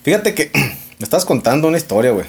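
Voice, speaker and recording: A man's voice: on the high side, big pitch swings, fast, husky. A man with a Mexican accent hosting a podcast in casual, slangy street talk peppered with swearing. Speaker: podcast host.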